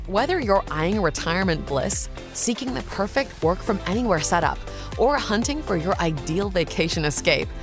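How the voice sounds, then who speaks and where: Polished woman announcer over music. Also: lowish voice. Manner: polished, upbeat. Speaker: podcast intro announcer. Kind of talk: scripted promo narration. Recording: music bed under voice.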